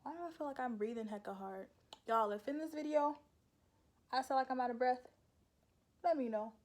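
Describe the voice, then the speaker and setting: A woman's voice: sits high, brisk, a little mellow. A young woman, chatting casually through a makeup tutorial, rambling and laughing at her own slips. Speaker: beauty vlogger.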